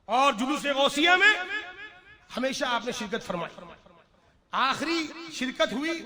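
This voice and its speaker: A male Islamic preacher delivering a fervent sermon, swinging between hushed storytelling and loud, emphatic declarations. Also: extremely high pitch. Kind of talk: sermon at a religious gathering. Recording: live address with crowd noise behind. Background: gathered crowd.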